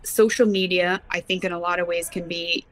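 A woman's voice: lowish voice, fairly even intonation, brisk, fairly bright tone, low-quality recording. A woman guest in an interview, a mountaineer speaking earnestly and often laughing. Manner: earnest, laughs often, leans on words for emphasis. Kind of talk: casual interview talk.

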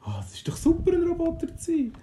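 A woman with a Swiss German accent voicing a kindly male dwarf inventor, speaking softly and patiently. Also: very high-pitched, huge pitch swings, fast, pitched above the performer's own voice, full character voice. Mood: gentle. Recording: roomy, echoey.

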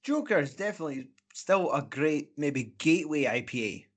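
Male co-host, slightly high voice, blunt joking banter. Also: lively intonation, moderate pace. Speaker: podcast co-host. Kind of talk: casual chat.

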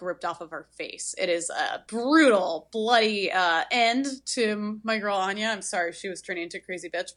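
A woman casually recapping a horror film on a podcast, rambling with lots of fillers. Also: mid-range voice. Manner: rambling, filler-heavy, animated retelling. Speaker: podcast co-host.

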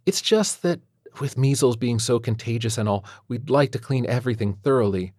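A man's voice: mid-range voice, normal speed, a little mellow, no echo, studio quality, pitched above the performer's own voice, close to an everyday voice. A man doing a prim, preachy schoolteacher woman. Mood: sugary preachy. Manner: condescending, sugary, preachy. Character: prim passive-aggressive female kindergarten teacher. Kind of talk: audiobook character voice.

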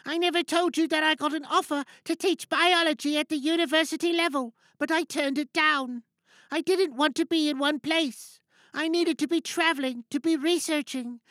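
Man putting on high-pitched Peppa Pig, little girl piglet. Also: steady tone, normal speed, bright, forceful tone, dry recording, clean studio sound. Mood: wistful, confiding. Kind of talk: dramatic monologue reading in character.

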